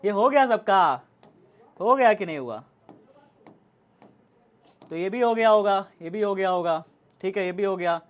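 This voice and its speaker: A young man lecturing a physics class. His voice sits high for a man. He repeats each step and coaxes the students along. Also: expressive, unhurried, pauses often. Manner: repetitive, coaxing, urging students to hurry. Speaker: physics teacher.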